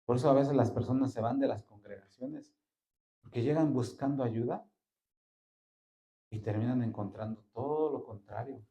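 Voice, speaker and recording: Preaching man with dramatic loud rises. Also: medium pitch, muffled recording. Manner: preaches with sudden loud rises and slow drawn-out emphasis; asks the listener rhetorical questions. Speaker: pastor. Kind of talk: sermon.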